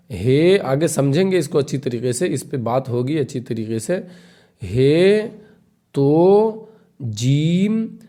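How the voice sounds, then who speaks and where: A man teaching the alphabet in a patient, repetitive way. He recites letter sounds slowly and quizzes the learner as he goes. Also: on the high side, warm tone. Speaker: Urdu teacher.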